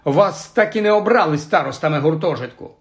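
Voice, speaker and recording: A man's voice: fairly high pitch, animated, brisk, close to an everyday voice. A man voicing a stern, proud mother who scolds sharply. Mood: scolding.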